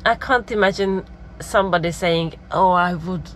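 A woman's voice: lowish voice, normal speed, slight background noise. Woman with a cold chatting in a lorry cab. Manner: relaxed, chatty, laughs often, slightly non-native phrasing. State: has a cold. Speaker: lorry driver vlogger. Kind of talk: casual vlog chat. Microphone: camera on the dashboard.

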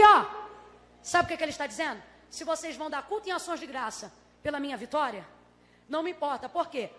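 A Brazilian woman preaching a dramatic sermon, swinging from shouts to hushed asides and acting out the scene's characters in dialogue. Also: high-pitched. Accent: Brazilian Portuguese. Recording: long reverb of a large hall.

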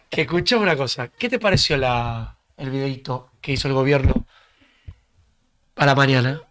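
A man's voice: mid-range voice, measured pace, long pauses, background noise. A man with an Argentine accent hosting a casual interview, cutting in with short questions and agreements. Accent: Argentine Rioplatense Spanish. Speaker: host.

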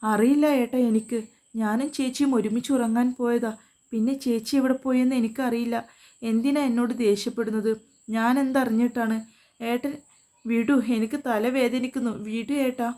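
A woman's voice: mid-range voice, flat delivery, normal speed, warm tone, lightly acted. A woman voicing a frightened young woman who pleads through tears, in a spoken family story. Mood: tearful pleading. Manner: tearful, pleading questions.

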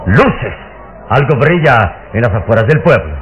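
An actor playing a grave, watchful and commanding adventurer hero in an old radio serial. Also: male voice, mid-range voice, big pitch swings, moderate pace, faint music behind, lightly acted. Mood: alert. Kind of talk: old radio drama acting. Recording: dull old radio recording.

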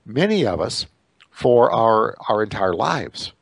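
A man's voice: lowish voice, sing-song, slow pace, creaky, slightly rough, no echo. A middle-aged American man hosting an interview show, talking casually and often stumbling over repeated words as he starts his sentences. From United States. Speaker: radio show host.

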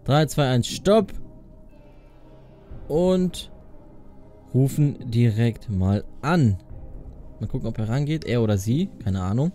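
A young adult man hosting a gaming video, talking casually and playfully in youth slang with an excitable manner. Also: mid-range voice, slow, pauses often. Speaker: gaming video creator and host. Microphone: studio condenser microphone up close. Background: faint music.

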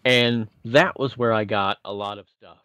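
A man's voice: lowish voice, fairly even intonation, moderate pace, sharp tone, smooth, no room sound. A man from Indiana, podcast co-host, telling chatty, winding stories with self-deprecating asides. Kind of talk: casual nostalgic storytelling.

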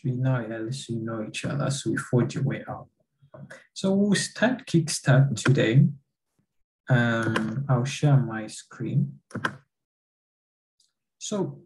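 A young man runs an online staff orientation over a video call. He explains things in a measured, repetitive way with many fillers, speaking from a small indoor room. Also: mid-range voice, darkish tone, a little hiss or hum, rough recording. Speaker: meeting host.

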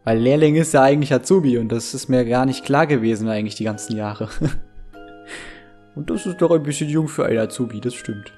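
A man's voice: medium pitch, a little fast, warm tone. A young man giving casual commentary as he plays through a game. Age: young adult. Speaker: let's player. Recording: game music faintly behind.

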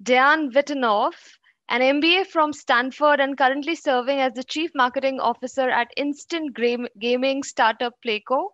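A woman's voice: sits high, normal speed, a bit bright, no room sound, lo-fi sound. A woman in her thirties hosting an online event and introducing a guest speaker, eager and full of fillers, on a headset. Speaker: event host. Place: large bright indoor space. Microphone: headset on a video call.

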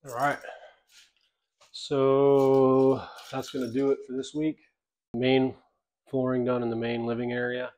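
A man narrating his home renovation work in a relaxed way, thinking aloud as he goes. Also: mid-range voice, unhurried, long pauses. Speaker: DIY renovation vlogger. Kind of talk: casual narration while working. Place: mobile home under renovation, indoors.

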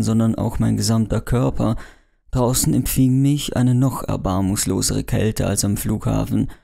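A man's voice: mid-range voice, vocal fry, dark tone. A man narrating a first-person thriller audiobook in a brooding, introspective way.

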